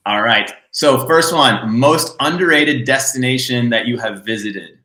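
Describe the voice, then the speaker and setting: Male interview host, casual and talkative, bright tone, roomy echoey sound. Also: medium pitch, measured pace. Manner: relaxed, chatty, frequent "mm-hmm" backchannels. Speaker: podcast host.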